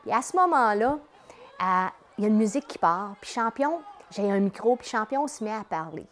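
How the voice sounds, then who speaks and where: A woman's voice: mid-range voice, animated, fairly quick. A woman with a Quebec accent enthusiastically explaining her children's show in a promotional interview. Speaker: children's entertainer, company president.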